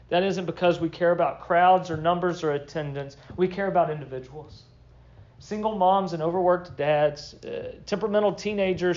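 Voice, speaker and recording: A man's voice: sits high, a little mellow. A young man delivers a sermon as a pastor, earnest and emphatic. He leans on short repeated phrases to drive each point home. The recording sounds slightly dull.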